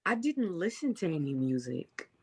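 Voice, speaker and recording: A woman who is a guest musician in a casual interview, explaining herself in a thoughtful, hesitant, measured way. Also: sits low, very animated, husky.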